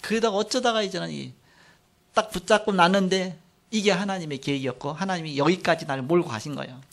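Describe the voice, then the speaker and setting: A middle-aged man preaching a sermon, telling a personal testimony in an animated storytelling way. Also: high voice, fast, vocal fry. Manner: animated storytelling, acts out quotes, frequent trailing "like this". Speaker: pastor.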